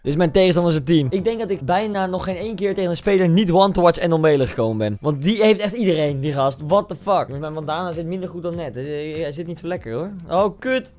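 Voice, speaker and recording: Hoarse young man shouting over gameplay. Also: a little high, animated, fast talker, hardly any pauses. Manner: shouts and cheers at goals. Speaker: gaming video host. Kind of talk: excited gameplay commentary.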